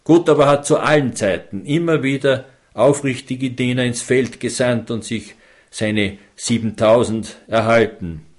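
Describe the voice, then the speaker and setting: A man preaching a sermon, slow and emphatic, stressing single words and repeating phrases. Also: mid-range voice.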